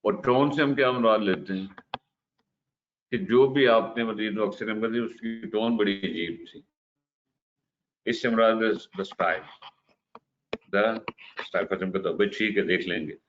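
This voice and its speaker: A man teaching a lesson on communication, explaining slowly and mixing English terms into his speech, often checking in with "ठीक है". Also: lowish voice. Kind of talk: lecture on communication. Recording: slightly dull recording with faint hiss.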